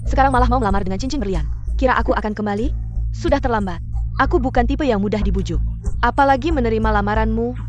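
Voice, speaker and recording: A woman's voice: fairly high pitch, fast, darkish tone, faint music behind, close to an everyday voice. A woman dubbing a materialistic young woman who is cloying to her lover and spiteful about her ex. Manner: cloying sweetness, sneering in asides. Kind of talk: dubbed drama acting.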